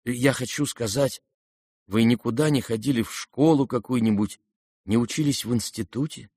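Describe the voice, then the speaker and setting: A man's voice: medium pitch, normal speed, darkish tone, slightly rough, no room sound, clean studio sound, close to an everyday voice. Man reading a guileless, earnest young prince. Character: simple-hearted, gentle young prince, shy and earnest.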